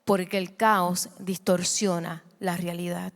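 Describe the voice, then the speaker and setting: A woman pastor preaching a sermon with passion, moving between hushed and loud passages, moved by her own words and calling the congregation to repeat after her. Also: lowish voice, little pitch movement, takes it slowly, vocal fry, long reverb tail.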